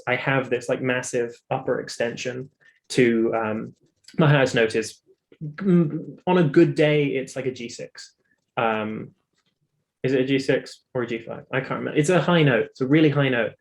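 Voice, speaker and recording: A British man, a singer and vocal coach, talks casually as an interview guest about his own story. His medium-pitched voice keeps a measured pace while his manner stays talkative and emphatic.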